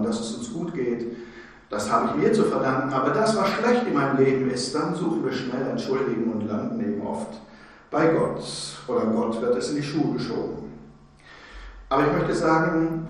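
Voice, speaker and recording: A man preaching a sermon, telling a story and then speaking directly and earnestly to his listeners. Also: a little high. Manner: earnest, addresses listeners directly with informal you; storytelling with slow emphatic phrases. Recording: very echoey, distant mic in large room.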